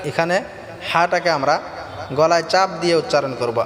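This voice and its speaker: A man teaching correct Quran pronunciation, explaining each sound and chanting the verses slowly. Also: fairly high pitch, a bit bright, reverberant, in a large hall. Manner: slow, drawn-out chanting of verses between plain explanations.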